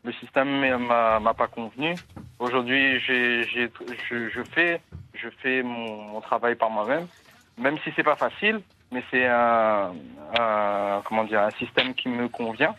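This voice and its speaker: A man's voice: medium pitch, steady tone, measured pace, noisy background. A man calling in to a radio talk show over a landline phone, giving his view earnestly and thinking aloud as he goes. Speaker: caller. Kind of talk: radio call-in comment. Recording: dull lo-fi phone line.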